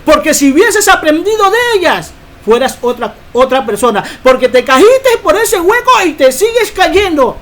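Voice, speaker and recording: A woman preacher giving a Bible teaching sermon, emphatic and quick to ask rhetorical questions. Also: sits high, very animated.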